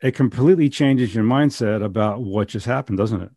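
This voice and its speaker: A man's voice: medium pitch, a little fast, warm tone, no echo, studio quality. A man hosting an interview, encouraging his guest with follow-up questions. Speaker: interviewer, host. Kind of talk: conversational interview.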